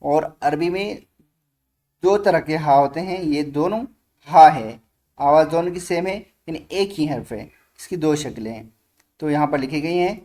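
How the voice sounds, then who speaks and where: A man teaching Quran reading, calling out letter sounds slowly and stretching each one for learners to repeat. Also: on the high side. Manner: asks learners to repeat loudly after him. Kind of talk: slow drilled recitation lesson.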